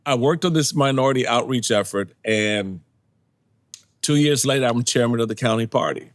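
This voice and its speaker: A man in his sixties, a guest in a casual interview, telling lively stories and acting out what people said, laughing often. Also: medium pitch, normal speed, no echo. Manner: animated storyteller, acts out quotes, laughs often. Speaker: podcast guest, former party chairman.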